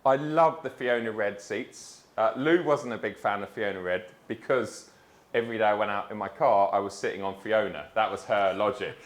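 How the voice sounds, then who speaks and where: A man with a voice on the low side talks at a moderate pace as a vlogger picking up his new car at a dealership. He's enthusiastic and chatty, calling people "mate" in casual conversation.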